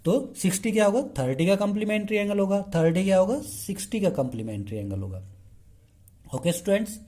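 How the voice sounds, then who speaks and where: Teaching math in a high-pitched, animated, warm voice, a man blends Hindi with English math terms and poses questions he then answers himself. He keeps checking in with students by repeating "okay," and his speech becomes slow and drawn out as he writes on the board.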